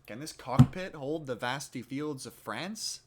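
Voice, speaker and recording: A man's voice: mid-range voice, animated, a little slow, heavy background noise, natural voice. A man declaiming as a grand stage chorus narrator. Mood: grand, rousing. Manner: declamatory, stretched out, swelling emphasis. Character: theatrical male chorus narrator of a history play. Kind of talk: Shakespeare monologue rehearsal.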